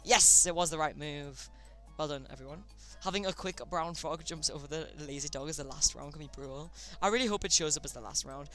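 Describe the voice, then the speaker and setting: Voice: medium pitch, fairly quick, pushed and bright, soft background music. A streamer casually hosting a chat game live, chatty and often tripping over words.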